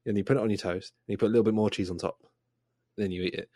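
Low-voiced English man swearing casually. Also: steady tone, racing, dark tone, dry recording, studio quality. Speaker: podcast co-host. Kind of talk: casual chat.

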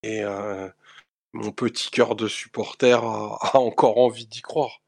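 Male co-host, low and monotone, analytical fan talk. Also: vocal fry, no room sound, clean studio sound. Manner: measured, analytical, hesitant with fillers. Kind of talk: casual chat.

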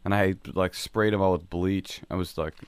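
A man's voice: low voice, steady tone, normal speed, clean tone. A man in his thirties, a guest in casual chat, self-mocking and rambling with many fillers, recorded in a garage. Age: 30s. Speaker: guest comedian. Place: garage studio.

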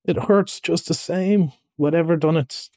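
Storybook mole, played by a male reader: high, soft-edged voice, grumbling and self-pitying, pettish and stubbornly literal. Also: expressive, moderate pace, no room sound, natural voice. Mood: miserable. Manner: plaintive, huffy complaining.

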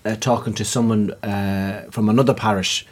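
An Irish-accented man hosting a casual chat, putting teasing, halting questions with a wry comic touch. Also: lowish voice, steady tone. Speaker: podcast host asking questions.

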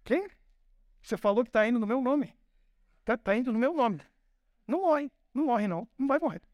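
A man's voice: very high-pitched, animated, a little fast, a little mellow, no echo. A man voicing God in a casual, playful and assured way. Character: God, all-powerful, amused and reassuring.

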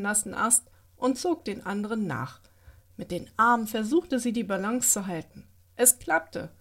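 A woman narrating a scripted bedtime story for small children. Her reading is gentle and even, and her voice sits a little higher than most.

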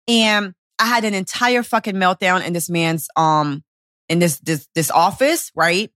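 A woman's voice: fairly low pitch, measured pace, a bit bright, no room sound, clean studio sound. A woman in her thirties, a personal trainer hosting a podcast, telling a personal story in a blunt, profane, emotional way. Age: 30s.

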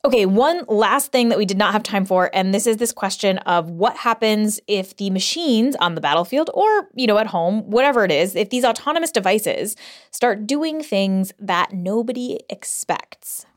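A woman hosts a casual solo podcast, recorded under a blanket fort in a closet. Her voice sits at an average pitch for a woman. She talks informally and conversationally, straight to the listener. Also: animated, moderate pace. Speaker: podcast host.

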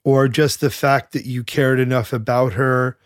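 A man's voice: medium pitch, steady tone, measured pace, no echo, clean studio sound. A man hosting an interview, earnestly and empathetically asking long, winding questions. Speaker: podcast host. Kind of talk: conversational interview.

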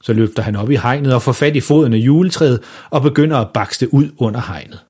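Slightly husky male storyteller. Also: mid-range voice, warm tone. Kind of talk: children's story reading.

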